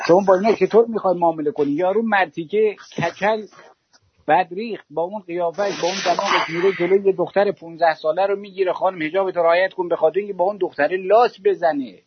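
The caller, an Iranian man, delivers an impassioned, sarcastic tirade to a talk show in a speechmaking manner. His voice is high, there's noise in the background, and the call audio sounds dull and dry.

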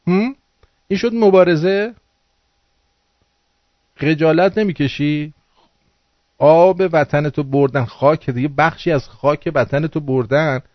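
A man's voice: fairly high pitch, long pauses, dry recording. Fired-up guy ranting on a call-in radio show, crude and scolding, dull dry audio. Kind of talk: ranting political monologue.

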